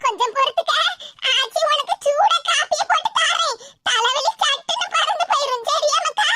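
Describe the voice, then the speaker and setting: Old cartoon granny, Tirunelveli Tamil accent, wailing and pleading, piercing high voice. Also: female voice, moderate pace, bright, forceful tone. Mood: fretful. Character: anxious doting old grandmother, loud and fussing. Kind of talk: cartoon voice acting.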